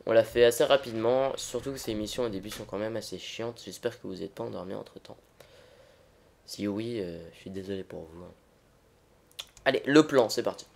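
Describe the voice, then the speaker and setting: A man's voice: fairly low pitch, brisk, creaky, slight background noise. Casual man commenting on a video game. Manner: informal, hesitant, talking to viewers. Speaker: let's play host. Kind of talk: casual improvised gameplay commentary.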